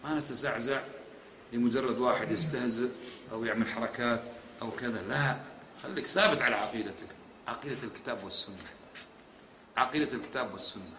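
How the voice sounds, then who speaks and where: A man's voice: medium pitch, quick pace, long pauses, bright, forceful tone, a little hiss or hum. A man teaching a lesson on creed, pressing his points with emphatic rhetorical questions. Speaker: religious teacher. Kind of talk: lecture on creed. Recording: echoey hall.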